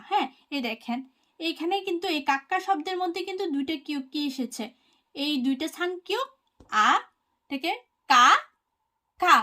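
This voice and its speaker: A woman giving an online language lesson, explaining each letter and repeating example words slowly and deliberately. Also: high voice. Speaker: language teacher.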